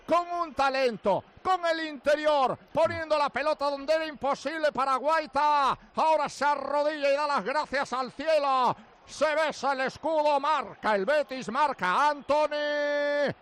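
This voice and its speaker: A man with an accent from Spain calling football on the radio in breakneck goal commentary, impassioned, with drawn-out shouts for goals. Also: very high voice. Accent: Spanish, from Spain. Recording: live broadcast with background noise.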